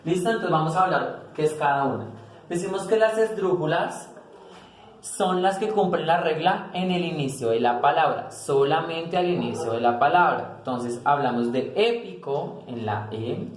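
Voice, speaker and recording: A man giving a grammar lesson, explaining step by step, often checking in with listeners and correcting himself. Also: on the high side. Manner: explanatory, repeats "¿listo?" and "pues", self-corrects. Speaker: teacher. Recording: very echoey room, voice a bit far from mic, faint noise.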